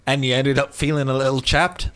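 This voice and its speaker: A man chatting casually as a player at a tabletop game, easygoing with puns. His voice sits in a middle pitch, and soft music runs beneath. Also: flat delivery, a little fast, smooth. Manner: joking, wordplay-prone, easygoing.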